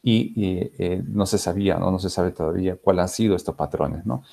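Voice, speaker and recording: A man's voice: low voice, fairly even intonation, brisk, creaky, mellow. A male researcher giving an academic conference talk, hesitant, with many fillers and restarts. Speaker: linguistics researcher presenting a conference paper.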